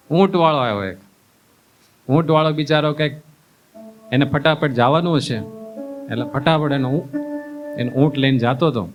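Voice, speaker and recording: Monk telling a folksy sermon. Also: male voice, fairly high pitch. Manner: folksy storyteller, acts out characters, asks listeners questions. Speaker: monk giving a discourse. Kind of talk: sermon with storytelling. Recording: music playing behind the voice.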